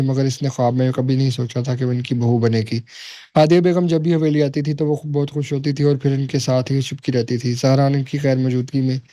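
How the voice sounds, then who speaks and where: A man narrating a romance novel in a steady, unhurried storytelling voice. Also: on the high side, no room sound, studio quality. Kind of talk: audiobook novel reading.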